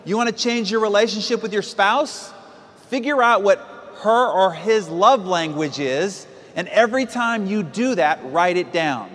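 A man in his forties with a high-pitched voice delivers a motivational speech from a stage. He speaks directly and with energy, throwing rhetorical questions at his listeners. His voice trails off into the long reverb of a large hall. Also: lively intonation, measured pace, a bit bright.

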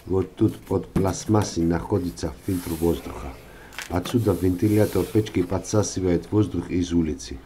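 Male host, low and mellow, plain how-to voice-over for a car repair tutorial. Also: steady tone, normal speed, slight background noise.

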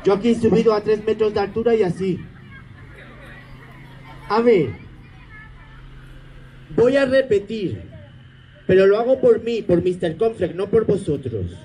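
A man's voice: sits high, lively intonation, unhurried, pauses often, mellow, some chatter behind, a little hiss or hum, low-quality recording. A man doing stage comedy, teasing the audience in a sarcastic, mock-grumpy way.

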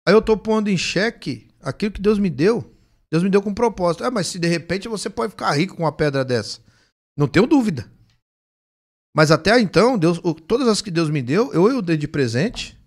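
Animated gravelly pastor. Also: male voice, sits high, a little fast. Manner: animated storytelling, acts out dialogue. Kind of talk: casual testimony in a conversation.

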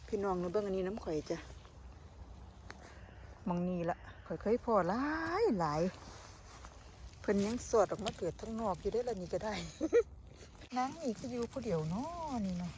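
A woman with an Isan accent talks in a chatty, exclamatory way while she forages in the woods and films on a handheld camera. Her voice sits at an average pitch. The outdoor recording carries clear background noise and nature sounds. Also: brisk, pauses often, low-quality recording. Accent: Isan (Northeastern Thai). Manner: lively, exclaims often, calls viewers "brothers and sisters". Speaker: vlogger foraging for wild mushrooms. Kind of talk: chatty walk-and-talk narration to viewers. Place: outdoors in woodland.

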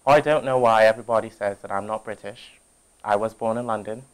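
A young man rambles defensively through a comic sketch monologue. His voice sits somewhat low. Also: brisk, very noisy.

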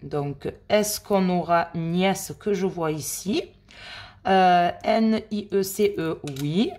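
A woman hosting a scratch-card video, chatting slowly and addressing her viewers as friends while she checks numbers and letters. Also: lowish voice, a little mellow. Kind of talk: casual play-by-play commentary.

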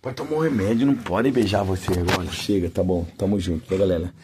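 A man's voice: low-pitched, fast, background noise. A man who breeds dogs, chatting casually to his dogs and viewers, cooing at them in fond baby talk and speaking in a folksy, devout way. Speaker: dog breeder.

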